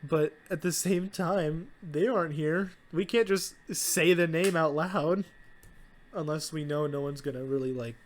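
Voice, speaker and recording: Young guy on a podcast, kinda high voice, always teasing and joking. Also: a little hiss or hum. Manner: teasing, jokey, quick to laugh. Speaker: podcast co-host. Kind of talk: casual chat.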